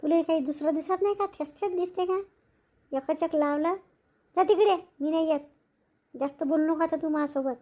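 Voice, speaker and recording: Woman playing a touchy, high-voiced village housemaid. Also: lightly acted, low-quality recording. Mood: snapping. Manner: sharp, quick to snap, aggrieved. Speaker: actor in a village family drama. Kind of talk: village comedy-drama acting.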